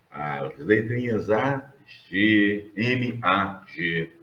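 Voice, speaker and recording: A middle-aged Brazilian man gives a classroom lecture, wandering off on digressions in a conversational way and asking his students questions. His voice sits low with a fairly bright tone. The recording has roomy, dull classroom acoustics.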